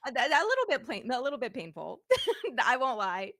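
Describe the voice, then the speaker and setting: Here a VTuber woman talks breezily through a demo of her stream setup, giggling frequently. She pitches high and sing-song at a moderate pace, bright and forceful, and her streaming microphone picks up clean studio audio with no room sound.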